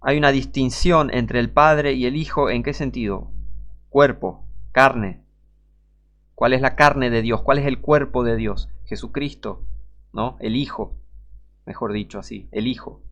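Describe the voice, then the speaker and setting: A man's voice: mid-range voice, measured pace, fairly bright tone, muffled recording. A man with a Rioplatense Spanish accent preaching an informal sermon, emphatic and rhetorical, talking straight to the listener.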